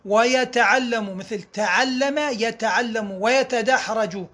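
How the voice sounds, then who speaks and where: A man's voice: very high-pitched, slow, a bit bright. A man teaching a grammar lesson, reading rules aloud and explaining them through repeated examples.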